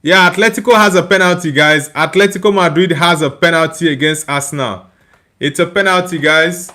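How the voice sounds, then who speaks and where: A young Nigerian man streams a live football watchalong, reacting to the match casually and reading viewer comments with a loose, chatty manner and easy laughter. His voice sits a little high for a man, and his tone is brisk, bright and forceful.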